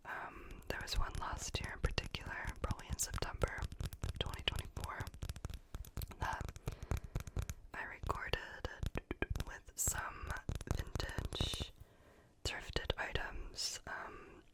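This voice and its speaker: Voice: slow, pauses often, poor audio. Whispered ASMR rambler, chatty and meandering. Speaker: ASMR video creator.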